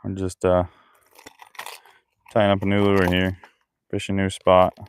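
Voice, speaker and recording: A man's voice: low voice, monotone, measured pace, background noise. A man chatting casually with live-stream viewers while he works outdoors by a creek, talking loosely between tasks. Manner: chats loosely with viewers while busy with his hands. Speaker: fishing livestreamer.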